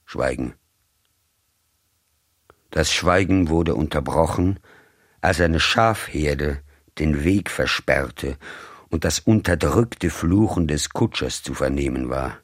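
A man narrating a story in a slow, measured reading. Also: extremely low pitch, animated, no room sound, clean studio sound. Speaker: audiobook narrator. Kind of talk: scripted narration.

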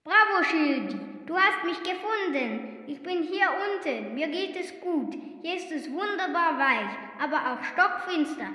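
A woman voicing a cheerful boy trapped deep in a hole in a children's audio story, calling out in a sing-song way. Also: animated, a little slow, few pauses, sharp tone, heavily acted. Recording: echoey with long reverb, music behind.

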